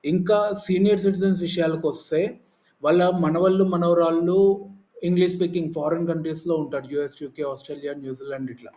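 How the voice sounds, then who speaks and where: Male teacher, casual, slightly high voice, lists and everyday examples. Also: steady tone, brisk, dark tone. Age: adult. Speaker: English teacher. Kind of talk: casual Telugu lesson.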